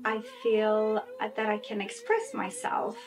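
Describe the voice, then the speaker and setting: With a highish voice that swings widely in pitch, she speaks slowly over background music on poor audio. A Romanian soprano in her thirties and non-native speaker, she's a guest singer giving interview replies and an intro, full of fillers and false starts.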